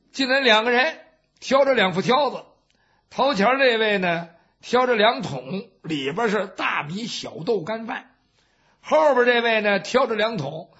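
A male storyteller performing a traditional tale, lively and dramatic, his voice high and swinging widely in pitch. The recording is dull and lo-fi. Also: slightly rough.

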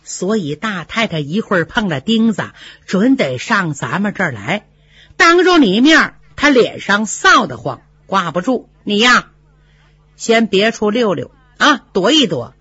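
A storyteller putting on a brisk scheming young noblewoman. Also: medium pitch, very animated, pushed and bright, slightly rough, no room sound, exaggerated voice. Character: sharp clever young noblewoman, household manager. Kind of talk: storytelling with voiced characters. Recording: dry, slightly dull lo-fi recording.

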